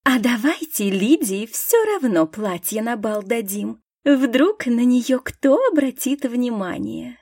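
A woman's voice: a little high, animated, slow, darkish tone, dry recording, studio quality, exaggerated voice. A woman voicing a haughty young female aristocrat student who speaks in a mocking, condescending way.

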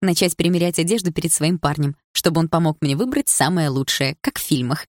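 A woman reading an audiobook in steady, even storytelling narration. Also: sits low, brisk, no room sound, studio quality. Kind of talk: scripted narration.

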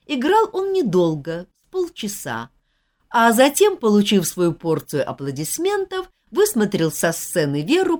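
A woman reading a novel aloud as an audiobook narrator, with expressive storytelling. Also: medium pitch. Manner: expressive storytelling, lively intonation. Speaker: audiobook reader.

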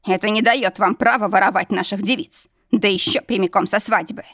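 A pompous dwarf bridegroom squealing his protests and gloating, as a woman reads him. The reading stays close and dry with a middling pitch. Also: fairly even intonation, fairly quick, a bit bright, no echo, lightly acted. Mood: indignant. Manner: shrill, huffy. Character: indignant male dwarf groom, pompous.

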